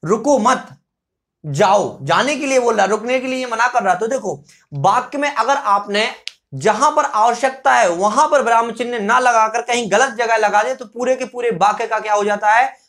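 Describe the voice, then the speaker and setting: A man's voice: very high-pitched, a bit bright. Man teaching, asking and answering himself. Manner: asks rhetorical questions and answers them himself; repeats example sentences slowly. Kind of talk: explanatory grammar lesson.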